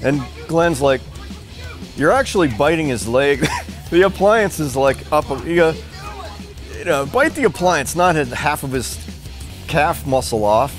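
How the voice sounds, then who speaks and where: A man who acted in the film, telling an animated, laughing anecdote from the shoot. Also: a little high, measured pace, faint music behind. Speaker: actor. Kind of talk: documentary interview.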